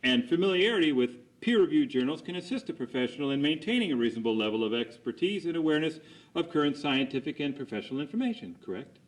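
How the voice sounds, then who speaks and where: A man's voice: on the high side, big pitch swings, fast talker, poor audio. A man conducting a cross examination as an attorney, putting formal, methodical leading questions and seeking agreement after each statement.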